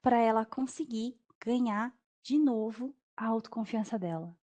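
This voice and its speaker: A woman's voice: on the high side, a little slow. A young adult woman, a language teacher, telling a personal story in an interview and acting out the dialogue. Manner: lively, acts out dialogue with quoted voices.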